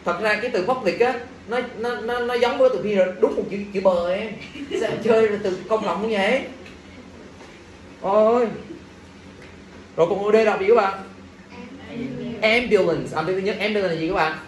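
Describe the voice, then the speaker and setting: A man's voice: high-pitched, normal speed, long pauses. A male teacher, running an exam review class and quizzing students with jokes. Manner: lively, jokes with students, asks the class questions. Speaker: English teacher. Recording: echoey room, faint ambient noise.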